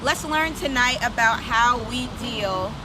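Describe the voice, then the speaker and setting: A high-pitched woman hosts children's story time, reading aloud slowly and asking young viewers direct questions. Music plays under her voice against a noisy background.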